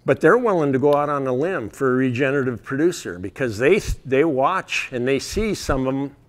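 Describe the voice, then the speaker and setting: A man's voice: medium pitch, lively intonation, fairly quick. Folksy rancher man telling stories. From North Dakota, USA. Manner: folksy, storytelling, chuckles often. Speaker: rancher and grazing coalition president giving a conference talk. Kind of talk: casual presentation with slides.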